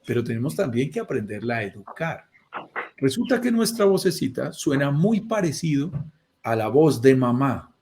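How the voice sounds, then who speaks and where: A man giving a lively motivational talk to a group, often acting out little quoted voices. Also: mid-range voice, normal speed, slight background noise. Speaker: guest speaker. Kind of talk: motivational talk on a video call.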